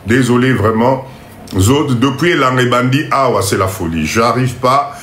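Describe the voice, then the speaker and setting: Here the same kind of host, a man with a Congolese French accent and a nose blocked by a cold, delivers an emphatic, repetitive, urging motivational talk live to viewers. He speaks at a measured pace in a medium, fairly bright voice. Echo fills the room and faint noise sits underneath.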